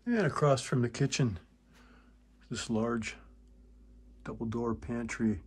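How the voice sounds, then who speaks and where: A man's voice: mid-range voice, slow pace, a little mellow, slightly rough. A man walking through a home as a real estate agent, listing features in short, clipped phrases. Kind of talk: property walkthrough narration. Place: indoors, walking through a wooden townhome.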